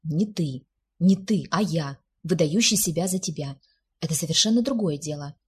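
A woman with a very breathy voice reading the part of a flustered, sulky young man who grumbles defensively. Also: low-pitched, animated, normal speed, full character voice.

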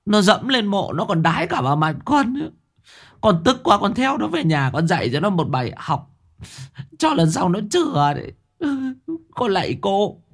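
A man voicing the whimpering ghost of a teenage boy, pleading in a high, thin voice. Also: very animated, moderate pace, a bit bright, heavily acted.

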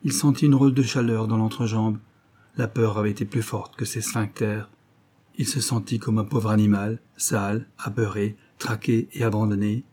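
Male audiobook narrator, low dark voice, measured and grave. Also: fairly even intonation.

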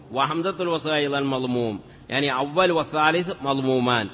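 A man's voice: fairly high pitch, pushed and bright, big-room sound, lo-fi sound. A man teaching Arabic grammar in a patient classroom lecture, repeating examples and chanting some in a sing-song lilt.

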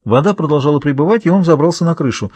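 Measured male audiobook narrator. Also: on the high side, expressive, a little mellow, breathy edge, no room sound. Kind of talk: scripted narration.

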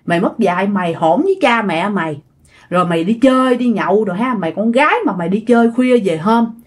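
A woman's voice: medium pitch, fast, close to an everyday voice. A woman voicing the angry ghost of an old woman who scolds and threatens harshly, in a Southern Vietnamese accent. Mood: furious scolding.

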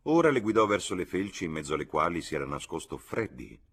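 Male audiobook reader, low and husky, measured expressive delivery. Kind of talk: scripted audiobook narration.

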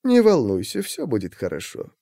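A man voicing a mild, soft-spoken middle-aged man who talks in a hushed, gentle way. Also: high-pitched, big pitch swings, normal speed, clear, resonant tone, dry recording, studio quality, voice pushed up.

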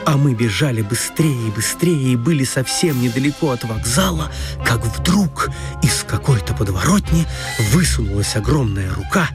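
A man reading an adventure story aloud in a lively storytelling manner. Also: mid-range voice, normal speed, music in the background. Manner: lively storytelling, voicing every figure. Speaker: narrator.

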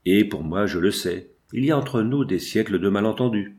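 A proud young idealist from an old novel, blunt and bitter, as a male reader voices him. His words come curt and cutting in a low male voice. It stays near the reader's own tone. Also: expressive, moderate pace, a little mellow.

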